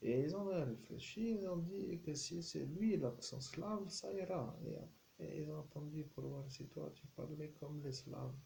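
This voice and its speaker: A man's voice: on the high side, unhurried, gravelly, hardly any pauses, dark tone, slight background noise, rough recording. A man speaking as a self-styled medium, delivering a rambling channeled message that drifts between full voice, murmurs and whispers. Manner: meandering, slipping into murmurs and whispers.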